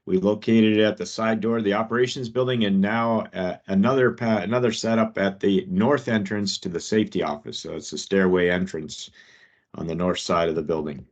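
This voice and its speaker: Low-voiced man hosting a video call. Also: steady tone, brisk. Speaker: meeting host presenting safety updates. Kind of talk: informal work meeting presentation. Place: online meeting. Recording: dull, lo-fi video call audio.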